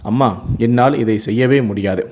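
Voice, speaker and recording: A young bride in despair, refusing her fate, read by a male storyteller. Her lines come out quiet and a shade lower. Simple storybook telling. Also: moderate pace, natural voice. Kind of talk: storybook reading.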